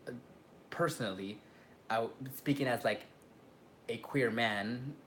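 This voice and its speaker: A man co-hosting a casual reflective chat, thinking aloud in halting, repeated phrases. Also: medium pitch, fairly bright tone. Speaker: drag queen reviewer, co-host. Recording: clear background room noise.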